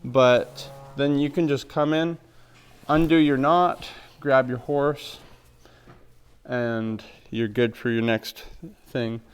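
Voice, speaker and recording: A man showing how to tie knots for working with horses. He talks slowly and in a practical, step-by-step way. His voice is smooth and clear, pitched at a middle height. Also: steady tone. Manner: plain, practical, step-by-step explaining. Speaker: horse trainer. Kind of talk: instructional demonstration.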